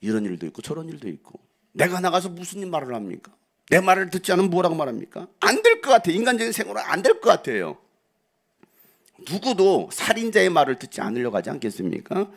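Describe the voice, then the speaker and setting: A man's voice: high voice, huge pitch swings, quick pace, vocal fry. A male pastor preaching a sermon, with joking asides and rhetorical questions to the congregation.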